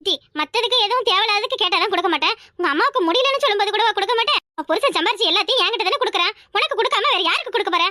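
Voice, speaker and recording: A woman's voice: very high-pitched, expressive, racing, sharp tone, no room sound, studio quality, full character voice. A woman voicing a bossy but generous older mother-in-law in a cartoon, scolding and giving orders. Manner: scolding, commanding. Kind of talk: cartoon voice acting.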